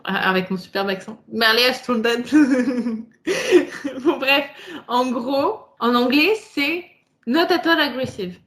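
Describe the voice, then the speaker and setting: High-voiced woman co-hosting a chat podcast. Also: unhurried, a bit bright. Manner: laughs often, reads passages aloud. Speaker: podcast co-host. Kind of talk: casual chat.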